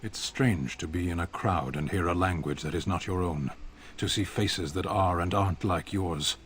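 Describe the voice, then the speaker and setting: A man playing a stoic, blunt foreign warrior in a video game, speaking in terse, formal, deadpan phrases. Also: sits low, moderate pace, slight background noise. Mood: stoic, wistful. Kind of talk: video game character dialogue.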